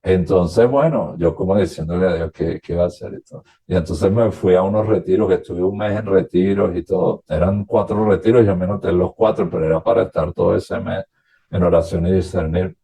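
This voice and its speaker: Deep gravelly-voiced man telling a story. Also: fairly even intonation, dark tone. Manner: recounts dialogue in a halting, reflective way. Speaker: priest, guest. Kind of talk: personal storytelling in a radio interview.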